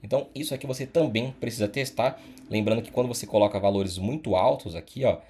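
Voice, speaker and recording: A man's voice: lowish voice, quick pace, mellow, breathy edge. A man teaching an online course in a casual, explanatory way, often tagging sentences with "tá?" and "né?". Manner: casual, explanatory, frequent "tá?" and "né?" tags. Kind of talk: screen-recorded tutorial.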